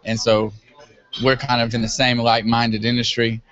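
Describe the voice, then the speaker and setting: A man with a mid-pitched voice talks as an interview guest. He explains things earnestly and casually, feeling his way through sentences with some hesitation. The audio is muffled and lo-fi. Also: completely flat delivery, moderate pace, fairly bright tone. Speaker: guest, web business owner. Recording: dull, lo-fi audio.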